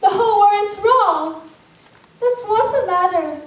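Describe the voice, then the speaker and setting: A woman's voice: very high-pitched, unhurried. A woman acting a worried mother who scolds her son on his wedding day in an amateur stage play. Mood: fretful. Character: fretful middle-aged mother on her son's wedding day. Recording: echoey hall, far from the mic, music behind.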